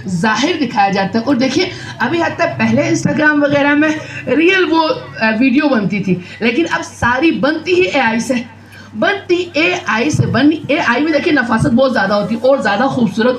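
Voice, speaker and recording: A woman's voice: high voice, animated. A woman preacher giving an emphatic sermon to women at a religious gathering, asking rhetorical questions and repeating phrases. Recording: echoey hall with faint noise.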